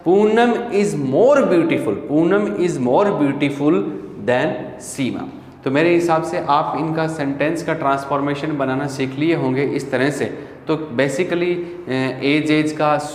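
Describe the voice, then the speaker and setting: A man teaching an English grammar lesson, slowly dictating example sentences word by word and then explaining them in quicker bursts. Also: on the high side, slight background noise. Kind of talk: classroom lesson. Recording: echoey room with long reverb.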